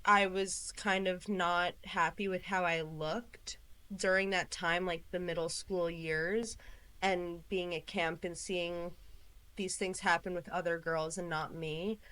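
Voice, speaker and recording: A woman's voice: on the low side, flat delivery, slow, pushed and bright. A woman in her late twenties, a podcast guest talking casually with lots of fillers. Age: 20s. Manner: chatty, many fillers, quoting herself. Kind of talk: casual interview chat.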